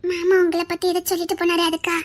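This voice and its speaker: A young woman's very high voice pleads gently with her father to stop crying. She speaks in a soothing, tender way, in a TV serial drama. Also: completely flat delivery, rapid-fire. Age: young adult. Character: loving grown daughter consoling her father. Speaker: daughter. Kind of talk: TV serial acting.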